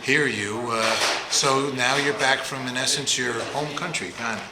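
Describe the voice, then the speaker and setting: A man hosting an interview, talking haltingly with many restarts. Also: medium pitch, heavy background noise. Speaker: interviewer, host. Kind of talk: casual interview. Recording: echoey room at a loud party.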